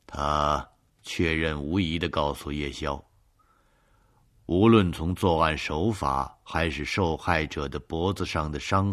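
A man with an extremely deep, low voice reads a mystery story aloud. His delivery is steady and even, like a scripted audiobook narration.

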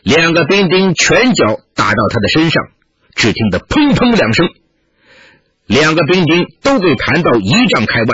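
A man narrating a martial-arts story with an expressive, dramatic delivery, on a dull lo-fi recording. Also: a little high, moderate pace, slightly rough, no room sound.

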